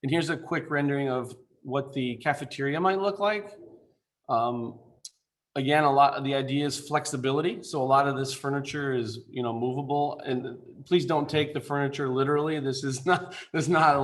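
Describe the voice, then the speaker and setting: A man speaks remotely over a video call, walking a council through a building design. His delivery is informal and halting, full of fillers and restarts, at a middling pitch. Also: fairly even intonation, slight background noise. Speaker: architect presenting a building design. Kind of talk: presentation to a council.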